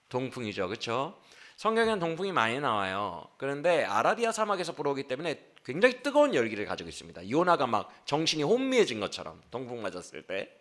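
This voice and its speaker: A man preaching a sermon as pastor, acting out the quoted speech with sudden changes in loudness. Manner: animated, acts out quoted speech with shifts of pitch and loudness. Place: church.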